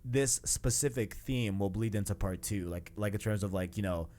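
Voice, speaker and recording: A podcast host leads a casual video game discussion, enthusiastic and slangy, often repeating himself for emphasis. His voice is fairly low and a little mellow, at a moderate pace. Music plays behind him, with slight background noise.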